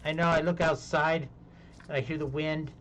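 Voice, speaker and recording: Rambly streamer guy, voice on the higher side, faint hiss behind him. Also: steady tone, normal speed, a bit bright. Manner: rambling, chatty, laughs easily. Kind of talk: casual gaming chat.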